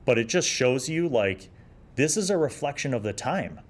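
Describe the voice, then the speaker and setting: This is the host of an old gaming review series, a man in his forties, reviewing and reminiscing solo in a relaxed, conversational way that is both reflective and explanatory. He speaks at a moderate pace in a medium-pitched, expressive voice.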